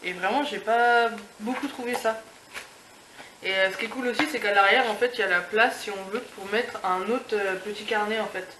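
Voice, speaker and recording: A woman's voice: medium pitch, moderate pace, pushed and bright. Young woman, casual unboxing chat, gushing, echoey room, noisy background. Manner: gushing, full of fillers and restarts. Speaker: beauty and lifestyle vlogger.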